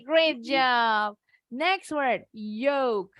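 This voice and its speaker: Using a computer mic on a video call, a young woman from Indonesia coaxes children through an online English class, repeating words slowly again and again. Her voice is a little high and a bit bright, with clean studio sound and no room sound.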